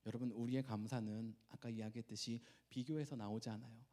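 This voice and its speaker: A male pastor preaching a sermon, animated and asking the congregation questions. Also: medium pitch, quick pace.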